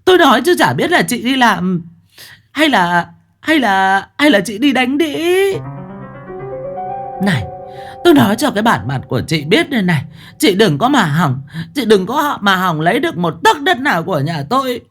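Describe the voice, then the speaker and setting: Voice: medium pitch, sing-song, a bit bright, breathy edge, soft background music, voice pushed up. A storyteller voicing a domineering elderly mother-in-law who berates her daughter-in-law in a shrieking tirade. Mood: furious. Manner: shrieking, rapid-fire tirade.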